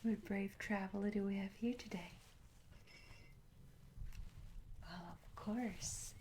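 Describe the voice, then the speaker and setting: A woman lightly acts the part of a charming young tavern maid in a fantasy ASMR roleplay, her soft, breathy half-whisper steady in tone, mid-range and moderately paced. Welcoming and attentive, she stays courteous and coy with gentle, old-fashioned storybook phrasing. Clear noise and small clicks surround her on the close ASMR mic.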